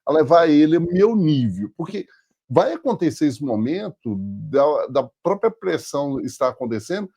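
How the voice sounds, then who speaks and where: A man's voice: fairly high pitch, big pitch swings, moderate pace, warm tone, breathy edge, dull audio. A man from Brazil hosting a casual business talk show, asking loose, rambling questions full of restarts. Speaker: podcast host. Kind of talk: casual interview chat.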